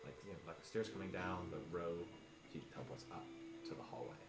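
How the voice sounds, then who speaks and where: Deep-voiced man running a tabletop game. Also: fast talker, vocal fry. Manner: relaxed, full of ums and restarts. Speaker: game master. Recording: roomy, loud music behind. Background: loud music.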